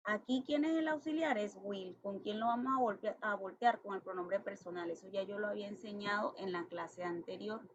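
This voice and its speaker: A woman teacher walks through a grammar lesson step by step, patient and methodical. She reads each English example out slowly and carefully. The recording is dull and lo-fi, with a faint hiss behind her. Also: mid-range voice. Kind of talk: classroom lesson explaining grammar. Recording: dull lo-fi sound with faint noise.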